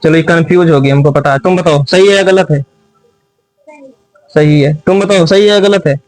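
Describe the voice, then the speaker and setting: High-pitched guy teacher quizzing a class, calls out loud sometimes. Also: moderate pace, no room sound, poor audio. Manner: quizzing students, often raising voice.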